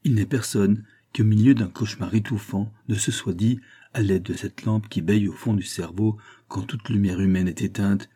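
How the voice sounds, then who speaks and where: A man narrating a classic novel in a steady, measured audiobook reading. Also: lowish voice, slightly rough.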